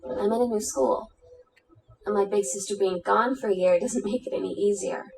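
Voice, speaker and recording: A woman's voice: mid-range voice, moderate pace, creaky, close to an everyday voice. A woman playing a teenage girl reading her journal to her big sister in a video game, subdued, numb and wistful. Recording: game audio with music, distant.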